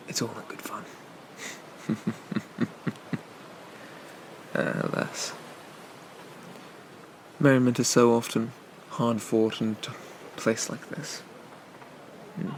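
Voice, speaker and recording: Faint noise sits behind a roguish, gentlemanly pirate captain, played by a man in an ASMR whispered role-play. He talks very slowly, with a creaky, gravelly edge. His manner is flirty and teasing, with murmured asides. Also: medium pitch, low-quality recording. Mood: wry, commanding.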